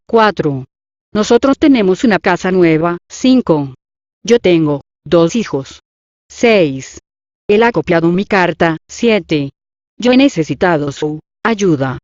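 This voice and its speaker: A woman's voice: lowish voice, dry recording. Woman reading numbered exercises, dull dry audio. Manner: measured, even dictation of numbered items. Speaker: lesson reader.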